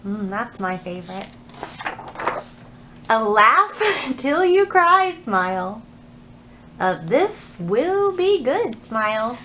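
This children's librarian, a woman in her thirties, runs storytime indoors at a library and speaks with lively expression directly to the kids. Her voice sits high, and there's a bit of background noise.

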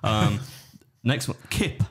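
A man's voice: fairly low pitch, animated, takes it slowly, fairly bright tone, slightly rough. Teasing man hosting a podcast. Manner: teasing, laughing, hesitant restarts. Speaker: podcast host. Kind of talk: casual podcast chat. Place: podcast studio.

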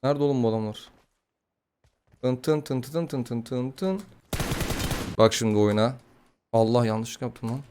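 A man giving casual, excitable gameplay commentary, swearing, joking and trash-talking his opponents. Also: mid-range voice, normal speed, pauses often, a little hiss or hum. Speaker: gaming YouTuber.

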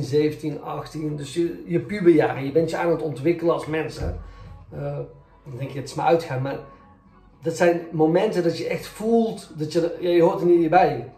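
Guy telling his own story to camera, mellow low-key voice, roomy echo, bit of music behind. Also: normal speed. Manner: candid, reflective retelling, acting out both sides of arguments. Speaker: journalist. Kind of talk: personal storytelling vlog.

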